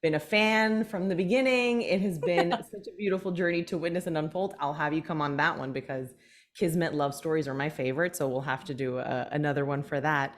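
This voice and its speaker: Low-voiced woman, animated podcast host. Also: a little fast. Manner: animated, many fillers and restarts. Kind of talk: casual conversation.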